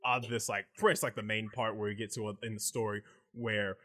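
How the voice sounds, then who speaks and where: A man's voice: fairly low pitch, level tone, quick pace, sharp tone. A man hosting a casual podcast, rambling through a recap with "like" in nearly every phrase and frequent restarts. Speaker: podcast host reviewing anime.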